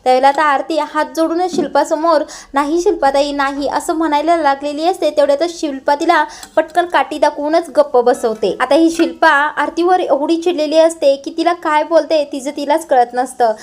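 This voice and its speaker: A woman's voice: high voice, fairly even intonation, fairly quick, few pauses, a little mellow. A woman retelling a TV serial episode as a voice-over, quoting each character's lines in her own plain voice. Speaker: serial episode recap narrator.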